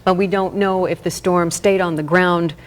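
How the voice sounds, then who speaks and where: A woman's voice: on the low side, steady tone, moderate pace. A woman anchoring live, unscripted breaking news coverage. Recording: faint background noise.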